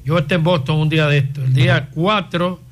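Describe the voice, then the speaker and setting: A Dominican man co-hosting a sports radio show, reading scores in quick bursts and trading jokes with his co-hosts. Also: fairly high pitch, fairly even intonation, faint music behind. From Dominican Republic. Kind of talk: lively sports radio banter.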